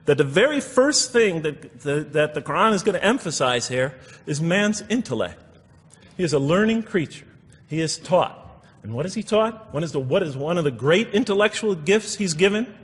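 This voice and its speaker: In an echoey hall with long reverb, a man delivers a public lecture on scripture, repeating phrases for emphasis. He is a religious lecturer whose slightly high voice carries a breathy edge.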